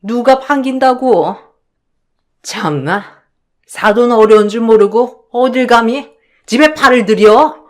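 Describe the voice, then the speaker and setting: A woman's voice: fairly high pitch, animated, slow pace, pitched above the performer's own voice. A woman voicing a domineering older mother-in-law who scolds and sneers in a bossy way. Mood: indignant sneering.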